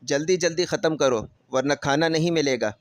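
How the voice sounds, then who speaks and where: Figure: a man voicing a harsh stepmother. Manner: sharp, scolding. Pitch: raised. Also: no echo, natural voice. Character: harsh cruel stepmother, middle-aged woman.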